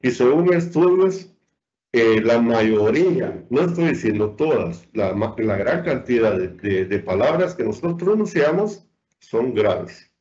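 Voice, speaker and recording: Over a video call, a man teaches spelling rules in a very animated, slightly mellow voice of medium pitch. He asks his own questions, answers them, and draws out the example words. His computer microphone gives the lecture a dull, lo-fi sound.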